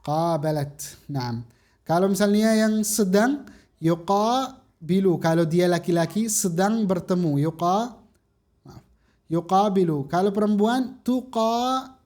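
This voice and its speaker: Slow, patient woman Arabic teacher. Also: mid-range voice, dark tone. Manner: patient, repeats words for students to echo. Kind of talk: slow classroom drilling of verb forms.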